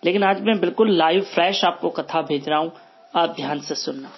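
A man's voice: on the high side, brisk, breathy edge, muffled recording. A man telling a devotional moral story as a religious storyteller, earnest and preachy, full of rhetorical questions, sounding weak after illness.

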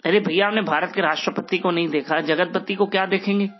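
A man's voice: sits high, steady tone, fast talker, breathy edge, muffled recording, soft background music. A man telling a devotional moral story as a religious storyteller, earnest and preachy, full of rhetorical questions, sounding weak after illness.

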